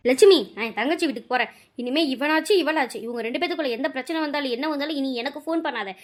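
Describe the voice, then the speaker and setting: A bossy middle-aged mother-in-law in a cartoon, voiced by a woman, scolding and complaining without pause. Her voice sits high and her words tumble out quickly. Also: close to an everyday voice. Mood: indignant. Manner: nagging, indignant complaining.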